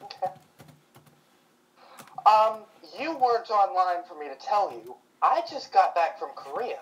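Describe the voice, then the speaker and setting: A woman talks casually with a friend in a dry, somewhat reluctant way. Scary tales spook her easily. Her voice sits in a middle pitch, and she reads a story aloud in the same plain manner. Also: sing-song, a little slow, poor audio. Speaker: co-host friend.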